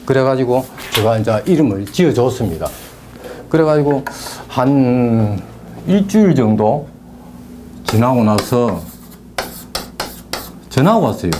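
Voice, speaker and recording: Gyeongsang guy rambling through stories, warm low tone, swings up and down a lot. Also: animated, unhurried, long pauses, a little hiss or hum. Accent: Gyeongsang Korean. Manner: storytelling with rambling asides. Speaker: naming consultant. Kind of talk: casual talk.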